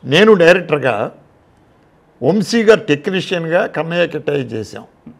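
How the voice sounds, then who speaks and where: An older Telugu-accented man recalling his film career in an interview, with a gravelly, creaky voice that sits a little high. He tells stories and plays out the old exchanges. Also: animated, normal speed. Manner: storytelling, acts out past conversations. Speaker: film director, interview guest. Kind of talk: reminiscing interview talk.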